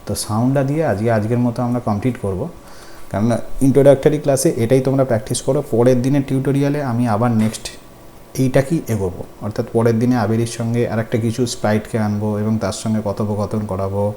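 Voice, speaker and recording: A man's voice: mid-range voice, fairly even intonation, fast talker, dark tone. A man teaching a coding class. He explains patiently, step by step, and asks his students questions. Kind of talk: screen-recorded tutorial. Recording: faint background noise.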